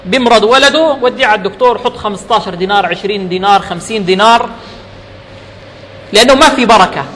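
The preacher here has a high-pitched, bright, forceful voice and talks fast during an emphatic Friday sermon. He moves between formal oratory and colloquial asides, and the mosque hall is reverberant with faint noise.

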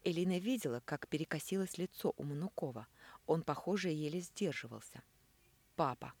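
Woman reading a novel aloud, expressive, dry close recording. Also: sits low, brisk, no room sound. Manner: expressive, lively storytelling. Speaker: audiobook reader. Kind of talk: scripted narration.

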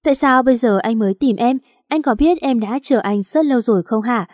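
A woman's voice: on the high side, normal speed, a little mellow, no echo, clean studio sound, lightly acted. A woman voicing a tearful young woman in a romance audiobook, pleading and questioning. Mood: reproachful.

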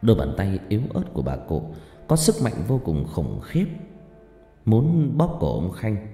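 A man telling a horror story with a dark, mellow voice and a lively, swooping delivery. His narration is dramatic, moving between tense and hushed. A long hall-like reverb hangs on every word, with faint music behind. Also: deep voice, measured pace.

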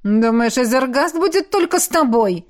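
A woman's voice: medium pitch, moderate pace, natural voice. A woman reading the part of a jealous, hot-tempered young male shapeshifter who growls and sneers. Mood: sneering.

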